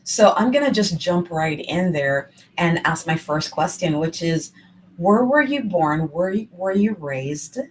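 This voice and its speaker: This is a woman from New York with a notably low voice, hosting an online interview. She talks with bright enthusiasm and laughs often, and she comes through a video-call microphone. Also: a little hiss or hum. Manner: energetic and enthusiastic, quick to laugh. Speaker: talk show host.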